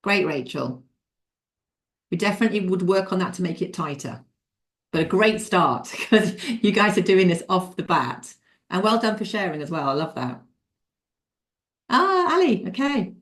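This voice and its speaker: Woman running a leadership webinar on a video call, lively, laughs a lot, chats with the room. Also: lowish voice, moderate pace, pauses often. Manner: lively, laughs often, addresses participants by name. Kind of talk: interactive webinar talk.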